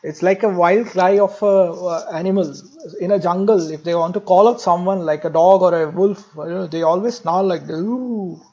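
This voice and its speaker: A man lectures on medicine in a high, mellow voice. He mixes jokes into his explanations and keeps repeating the key points for his students. The recording sounds dull and lo-fi. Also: fairly even intonation, normal speed, hardly any pauses. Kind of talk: classroom lecture.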